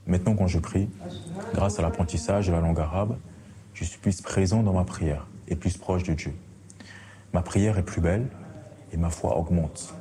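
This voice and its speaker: A man's voice: deep voice, warm tone. Earnest man in a roomy, echoing space. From French Guiana. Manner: earnest, measured. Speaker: theology student. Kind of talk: documentary interview. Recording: roomy echo.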